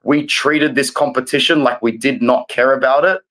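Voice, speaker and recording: A man appearing as a guest fan who delivers an impassioned rant, staying calm but emphatic as he lectures the audience. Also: mid-range voice, moderate pace, rough recording.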